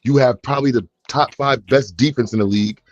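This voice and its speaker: A man's voice: medium pitch, fairly quick, no echo, lo-fi sound. A man on a sports panel, arguing his points emphatically and insistently. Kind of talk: casual sports chat.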